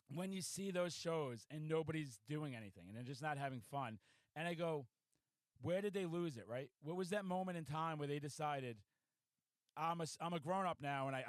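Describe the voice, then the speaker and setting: A man in his forties hosting a podcast in a hyper, loud, profanity-laced ranting manner. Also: a little high, expressive, normal speed, no echo. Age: 40s. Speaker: podcast host. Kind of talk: casual podcast chat.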